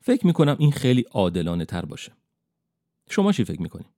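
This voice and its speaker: A man voicing a young woman, the daughter of a witch, who is guarded and proud and talks in a brisk, bargaining way. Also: lowish voice, wildly swooping pitch, dark tone, no echo, studio quality.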